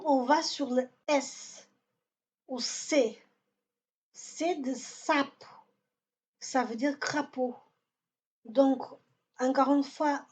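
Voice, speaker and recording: Slow-spoken teacher. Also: female voice, high voice, a little mellow. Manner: slow, careful, repeats words for pronunciation. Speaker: Portuguese teacher. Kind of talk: language lesson.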